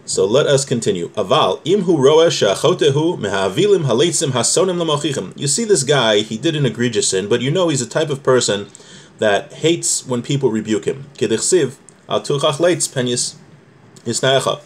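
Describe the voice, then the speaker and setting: In an animated mid-range voice at a normal speed, a man reads a source aloud during a casual religious law class. His explanation is conversational and stepwise, peppered with rhetorical questions.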